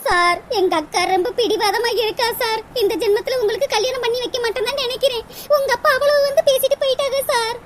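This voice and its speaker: A lovesick young cartoon woman, voiced by a woman pleads softly and sorrowfully in a southern Tamil Tirunelveli accent. Her voice is very high-pitched, and heavy background noise sits under it. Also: steady tone, quick pace. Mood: pleading.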